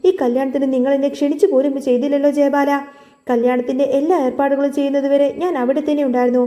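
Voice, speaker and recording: A man's voice: extremely high pitch, little pitch movement, fast, mellow. A woman reading an indignant old caretaker. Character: angry loyal male estate caretaker.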